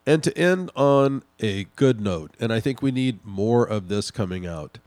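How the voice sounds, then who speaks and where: A male podcast host reads news articles and comments on them emphatically and indignantly, slowing down to stress his points. His voice is on the low side, animated, and darkish in tone, with no echo.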